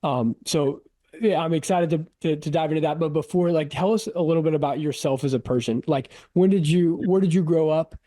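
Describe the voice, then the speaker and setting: A man's voice: fairly high pitch, fairly quick, dark tone, no room sound. A man hosting a podcast, upbeat and casual, using loose fillers like "like". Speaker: podcast host. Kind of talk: podcast interview and ad read.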